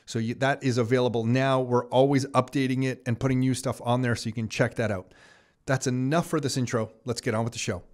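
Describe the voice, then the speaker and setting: A man's voice: medium pitch, steady tone, fairly quick. A man hosting a podcast in a chatty way, repeating key points as he talks. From Canada. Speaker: podcast host. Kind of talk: casual podcast talk.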